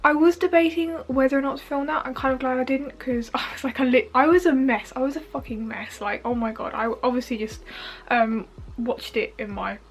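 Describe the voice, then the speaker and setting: A young woman, sniffly from allergies, gushing and rambling excitedly in a casual vlog at home. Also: sits high, rough recording. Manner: gushing, giggly, fast and rambling with many fillers. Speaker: YouTuber reacting to a game trailer. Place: home front room.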